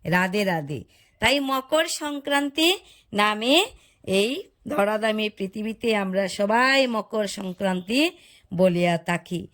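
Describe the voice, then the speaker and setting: Brief: woman religious speaker, slow, patient explaining, mid pitch. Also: lively intonation, a bit bright. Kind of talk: devotional talk.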